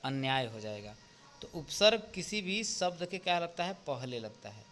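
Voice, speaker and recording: A male teacher going through an exam paper step by step, often pausing to check with "ठीक?". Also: on the high side, very animated, fairly bright tone, faint music behind. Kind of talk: exam paper walkthrough lesson.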